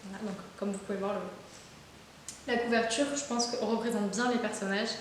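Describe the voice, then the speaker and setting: Recorded in a very echoey room with faint hiss, this young book vlogger talks casually about her book haul in a mid-range voice with fairly even intonation and a moderate pace. Her chat brims with enthusiasm, fillers and restarts.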